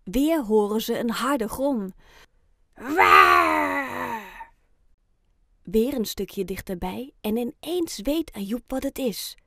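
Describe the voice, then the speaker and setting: A woman reading a children's storybook aloud, with gentle, lively storytelling and clear phrasing. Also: a little high, measured pace, dry recording, studio quality. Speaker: audiobook reader.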